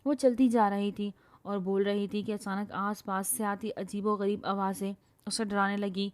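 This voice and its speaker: A woman reading a novel aloud as the narrator in steady, scripted storybook narration. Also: mid-range voice.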